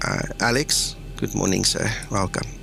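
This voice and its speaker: A man's voice: deep voice, normal speed, vocal fry, bright, forceful tone, a little hiss or hum. A man from South Africa with an Afrikaans accent, chatting casually as the host of a flight sim livestream.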